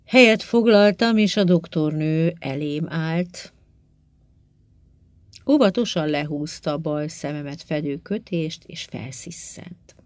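A woman narrates a first-person story in a calm, measured and subdued manner. Her voice sits low. The recording is close and dry, with no room sound. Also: no echo. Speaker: audiobook reader.

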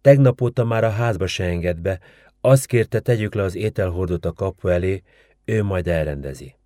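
A man's voice: low voice, mellow, no room sound, studio quality, lightly acted. Figure: man doing a worried old village man. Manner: grave, pleading.

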